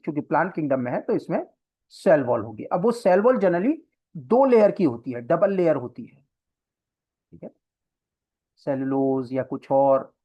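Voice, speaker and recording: A coaching teacher at a classroom board walks through an exam-prep biology lesson step by step, pausing often to check that students follow and mixing English terms into the explanation. The voice sits at a middle pitch, and the recording sounds a little dull and lo-fi. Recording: slightly dull lo-fi lecture recording.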